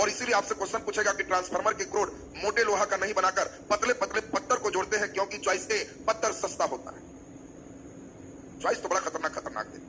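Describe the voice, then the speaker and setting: A man's voice: high voice, bright, forceful tone, slight background noise, rough recording. A male teacher, giving an exam coaching lecture and quizzing his students by repeating key terms.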